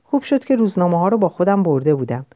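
A woman reading a novel aloud in the first person, in a measured, literary way. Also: on the low side, big pitch swings, no echo. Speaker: audiobook narrator. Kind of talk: first-person audiobook narration. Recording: dull lo-fi dry recording.

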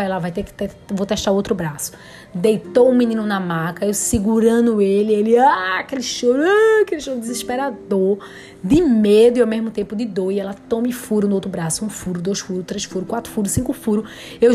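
Woman, devout mother vlogger, emotional and animated, faint music behind. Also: medium pitch. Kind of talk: casual testimony vlog.

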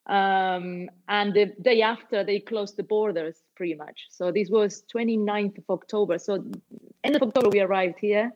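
An Argentine-born woman in her forties, a musician who also owns a label, chats warmly as an interview guest, rambling with plenty of fillers and restarts. Her mid-range voice moves at a moderate pace, and the recording sounds lo-fi.

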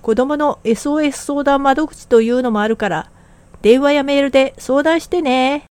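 A woman's voice: high-pitched, normal speed, darkish tone, no room sound. A woman co-hosting a podcast, talking in a blunt, casual, plain way. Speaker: podcast co-host.

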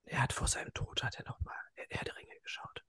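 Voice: brisk, fairly bright tone, no room sound. A podcast co-host whispering a story, stumbling and restarting words. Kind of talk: whispered casual chat.

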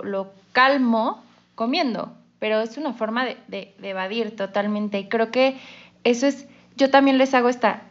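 A woman's voice: on the high side, highs cut off. A woman podcast host, talking in a reflective, conversational way.

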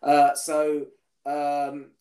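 A man's voice: a little high, monotone, drawn-out words, mellow. A man hosting a podcast, chatting casually and quizzing his guest with many restarts and fillers. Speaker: podcast host. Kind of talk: casual chat. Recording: echoey room.

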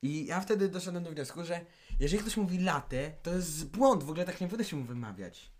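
A man's voice: a little high, animated, fast talker, darkish tone. A teenage man co-hosting a casual podcast, chatty and jumping from topic to topic. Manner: chatty, jumps between topics. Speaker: podcast co-host. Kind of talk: casual chat.

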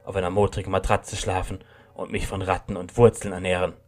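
A man's voice: low-pitched, level tone, fairly quick, a little mellow, faint music behind. A man voicing a confused young man who is frightened and defiant. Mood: anxious, defiant. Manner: anxious, defiant.

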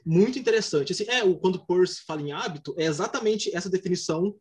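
A man's voice: high-pitched, expressive, fast, darkish tone. A man giving academic, explanatory remarks in a group discussion.

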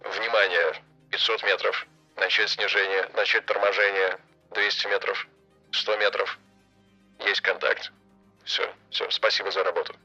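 A man's voice: low voice, flat delivery, unhurried, long pauses, bright, forceful tone, husky, soft background music, heavily acted. A man voicing a starship crew member who calls out landing distances over a radio link in short, clipped callouts. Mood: businesslike. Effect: radio transmission. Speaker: ship crew radio operator in a game. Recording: muffled lo-fi radio audio.

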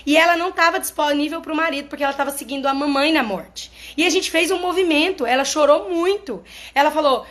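High-voiced chatty woman. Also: quick pace, few pauses, a bit bright. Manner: chatty and explanatory, often checks in with listeners. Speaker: therapist talking to followers. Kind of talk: casual monologue to followers.

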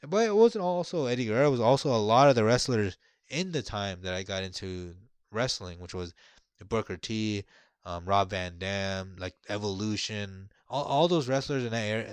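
A man in casual conversation, telling stories in a relaxed, rambling way with lots of fillers. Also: lowish voice, normal speed, clear, resonant tone, no room sound. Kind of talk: casual chat.

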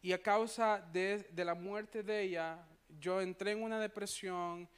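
High, smooth-voiced storytelling preacher. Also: male voice, steady tone, a little slow. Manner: anecdotal, conversational, frequent tag questions. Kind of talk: sermon storytelling. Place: church.

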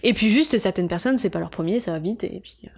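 A woman's voice: mid-range voice, fast, creaky, husky. A woman chatting casually and telling stories in crude slang, with a giggly manner. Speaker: midwife telling work anecdotes as podcast guest. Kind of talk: casual chat, storytelling.

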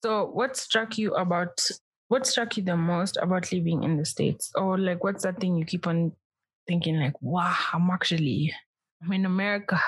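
A woman's voice: lowish voice, moderate pace, breathy edge, no room sound. A woman from Kenya interviewing a friend in a casual chat, friendly and teasing, laughing often.

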